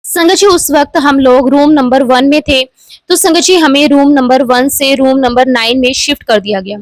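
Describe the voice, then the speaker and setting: A woman in her forties recounts her devotional experiences in an earnest storytelling manner, often calling out to her listeners. Her voice sits high. The recording is dry and close, with almost no room sound. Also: moderate pace, no echo, rough recording. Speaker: devotee sharing a testimony. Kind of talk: devotional personal testimony.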